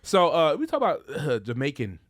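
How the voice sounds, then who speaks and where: Male host, slightly high voice, loose slangy delivery, casual podcast. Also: huge pitch swings, a little fast. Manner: loose, slangy, rambling restarts.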